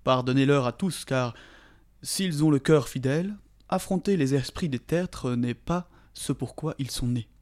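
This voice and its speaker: A man voicing a cheerful old forest spirit who talks in a brisk, lively way. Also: mid-range voice, close to an everyday voice.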